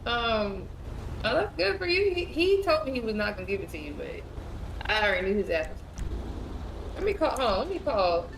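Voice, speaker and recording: A woman's voice: fairly high pitch, very animated, brisk, long pauses. A woman in a game role-play, talking bluntly and scolding, swearing freely. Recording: noisy game audio with vehicle sounds.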